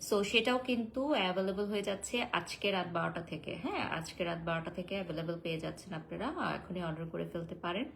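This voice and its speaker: A woman's voice: on the low side, quick pace, creaky, hardly any pauses, fairly bright tone, a little hiss or hum, poor audio. Chatty woman selling live. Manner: chatty, answers viewer comments, code-switches with English fillers. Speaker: live-stream seller. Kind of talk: casual live-stream sales pitch.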